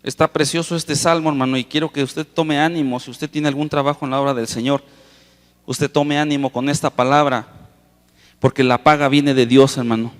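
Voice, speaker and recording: A man's voice: medium pitch, steady tone. A man preaching a sermon to a congregation, impassioned, repeatedly calling them "brother" and drawing out key words for emphasis. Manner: impassioned, keeps addressing the congregation as "hermano"; stretches key words slowly for emphasis, with sudden loud rises. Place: large auditorium with long reverb. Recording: reverberant hall sound.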